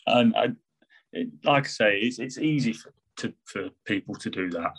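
A former footballer with an English Midlands accent, talking in a casual podcast interview with halting, restarting sentences. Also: male voice, on the low side, animated, creaky, a bit bright, husky, low-quality recording. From England. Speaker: football manager and former player.

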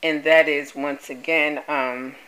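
Slow, bright-voiced vlogger spelling words out. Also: mid-range voice, steady tone, low-quality recording. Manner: repeats and spells out words like a teacher; laughs often. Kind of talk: casual news commentary.

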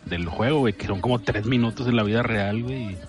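A man's voice: fairly low pitch, brisk, soft background music. A man with a Mexican accent chatting casually and joking in slang, like a frat bro telling stories. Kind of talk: casual chat, telling anecdotes.

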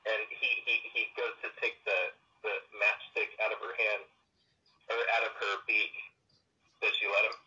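A man playing a tabletop roleplaying game over a call, his voice thin and tinny like a walkie-talkie with no bass, halting and restarting as he thinks aloud. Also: flat delivery, pushed and bright. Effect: thin, tinny walkie-talkie-like sound with no bass. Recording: faint lo-fi mic far from the speaker.

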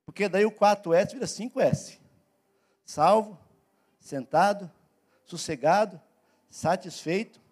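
A man's voice: high-pitched, unhurried, pauses often, a little mellow. A man from Brazil, preaching as pastor in a church service, talking in a conversational way that swells into emphatic calls. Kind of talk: sermon.

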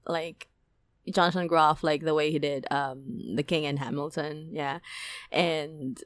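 A woman hosting a podcast, telling a dream story in a casual, animated way, packed with "like" and "right?", her voice climbing high when excited. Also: unhurried, no room sound. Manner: animated, many fillers like "like" and "right?". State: toothache, on medication. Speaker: podcast host.

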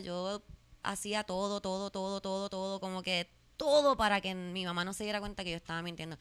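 A woman with a Puerto Rican accent chatting casually as a podcast co-host, animated and quick to joke, dropping English words into her talk. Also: mid-range voice, clean tone. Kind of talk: casual chat.

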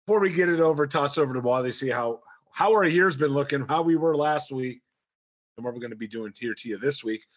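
A man's voice: mid-range voice, a little fast, muffled recording. A man hosting a casual sports podcast, loose and emphatic as he runs through the games. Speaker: podcast host.

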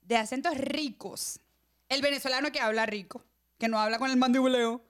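A woman's voice: high voice, steady tone, fairly quick, fairly bright tone. Teasing woman on a podcast. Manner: teasing, laughs easily. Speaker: podcast co-host. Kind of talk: casual podcast chat.

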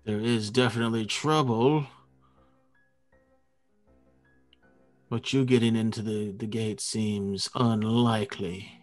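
A man's voice: fairly low pitch, steady tone, moderate pace, faint music behind, lightly acted. A man voicing a wary dwarven guardian in a fantasy tabletop game, questioning strangers with a suspicious, muttering manner. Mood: troubled, wary.

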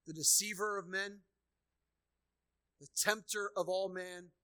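A pastor preaching a sermon, who repeats key phrases and swings between hushed low passages and loud emphatic peaks. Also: male voice, steady tone, unhurried, dry recording. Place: church sanctuary.

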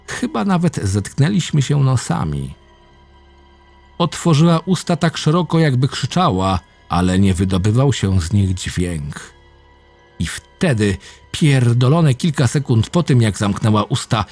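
Low husky man reading horror. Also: big pitch swings, measured pace, darkish tone. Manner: low, intense storytelling with dramatic swings. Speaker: narrator. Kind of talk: reading a first-person horror story. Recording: faint music behind the voice.

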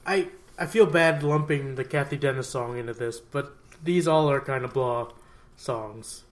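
A man's voice: medium pitch, a little slow. A man co-hosting a casual podcast chat, often stammering and restarting, laughing now and then. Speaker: podcast co-host.

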